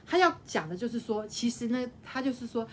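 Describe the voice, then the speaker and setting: A woman teaching a live-streamed Bible study, explaining by repeating her phrases and tagging sentences with a soft "ha". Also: fairly high pitch, animated, a little fast, slight background noise.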